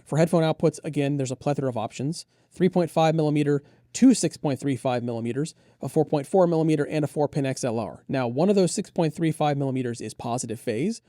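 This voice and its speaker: Another gear-review co-host and audio reviewer, he talks rapidly with hardly any pauses in a warm voice on the high side. He runs through detailed specs enthusiastically and conversationally. The studio recording is clean, with no echo.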